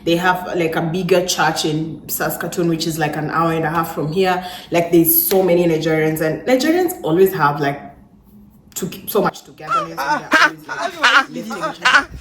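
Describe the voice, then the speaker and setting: A young woman with a Kenyan accent chatting casually to camera as a vlogger, swinging between soft, wistful talk and loud, animated bursts, with lots of "like". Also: lowish voice, moderate pace, a crowd in the background. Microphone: phone or camera on a stand. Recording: echoey room, faint background hiss.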